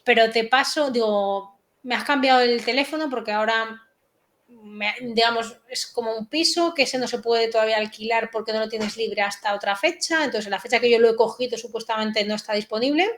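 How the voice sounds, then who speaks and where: A woman with a slightly high voice talks easily as an interview guest. She tells an anecdote and drops in quoted lines herself and others. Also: a little fast, fairly bright tone, slight background noise. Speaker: guest, pentester. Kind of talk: casual interview chat.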